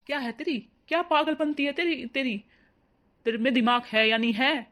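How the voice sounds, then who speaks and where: A voice actor playing a young husband and protective son in a cartoon, loud and scolding. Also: sits high, normal speed. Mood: angry. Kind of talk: cartoon voice acting.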